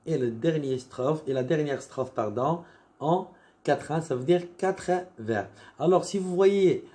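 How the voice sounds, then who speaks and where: A male primary school teacher with a Moroccan French accent, talking slowly and patiently through a lesson. His voice is mellow and a little high for a man. He explains step by step and often repeats words as he goes.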